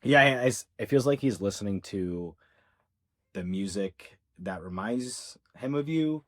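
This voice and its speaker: Speaking in a measured, expressive voice on the low side, a man who works as an ascension coach offers his viewers a channeled reading. His tone is sincere and comforting, his talk conversational and full of "like" and "yeah", and he repeats the main points.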